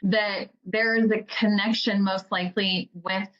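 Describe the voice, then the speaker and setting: Woman podcast host, earnest and halting, casual chat, muffled lo-fi sound. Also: medium pitch, steady tone. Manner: earnest, halting with restarts and fillers.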